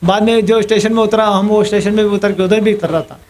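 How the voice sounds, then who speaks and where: A man giving a scripture class in a temple, telling a story in a lively way, acting out what others said and laughing now and then. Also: high voice, fast talker, a little hiss or hum. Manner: animated storyteller acting out other people's quotes and laughing at his own story. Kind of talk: storytelling sermon. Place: temple hall.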